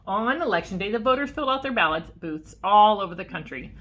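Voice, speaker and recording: A woman reads a picture book aloud to children like a teacher, expressive and posing questions to her listeners. Her medium-pitched voice is animated, fairly quick and a bit bright.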